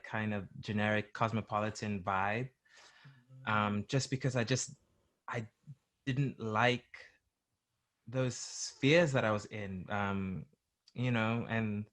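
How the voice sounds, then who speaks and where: A man's voice: fairly low pitch, a bit bright. A young man, a musician guest, from England and South Africa, talking casually in a rambling way with many fillers and restarts. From born in England, grew up in South Africa. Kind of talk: casual interview chat.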